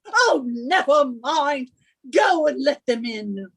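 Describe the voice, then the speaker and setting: In a radio suspense drama, a woman voices an imperious British wife who nags and scolds, shrill and bossy, with theatrical emphasis. She takes it slowly in a full character voice, high-pitched with big pitch swings.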